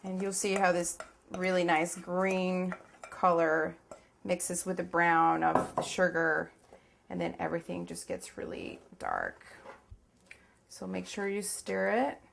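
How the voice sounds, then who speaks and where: Slight background noise sits behind this cooking demonstrator, a woman in her thirties from Caracas with a Venezuelan accent. She gives informal step-by-step instructions in a small home kitchen, speaking slowly and flatly in a fairly low voice with vocal fry.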